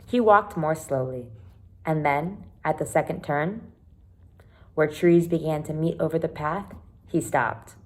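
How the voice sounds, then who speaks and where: Unhurried and low-voiced, a woman reads aloud from a children's chapter book in the manner of a teacher, with plenty of expression. Short asides explain the story for young listeners.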